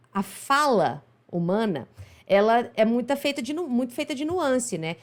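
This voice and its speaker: Brazilian woman w/ minas accent, teaching english sounds, chatty, lots of tag questions, kinda high voice. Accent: Minas Gerais Portuguese. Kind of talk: online course lesson.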